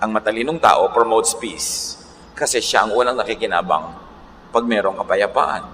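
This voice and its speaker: A man pastor preaching a sermon, moving between Tagalog and English and slowing down to read scripture. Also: fairly low pitch, a bit bright. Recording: echoey hall, faint background noise.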